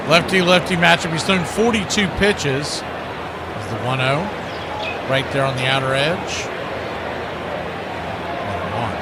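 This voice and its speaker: A man announcing a baseball game play-by-play in a steady, matter-of-fact radio style. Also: fairly high pitch, takes it slowly, pauses often, very noisy.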